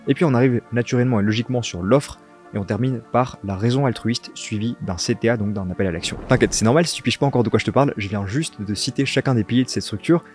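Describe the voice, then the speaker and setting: Fast-talking man teaching copywriting. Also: mid-range voice, darkish tone. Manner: informal, slangy, talks directly to the viewer. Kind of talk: casual video tutorial.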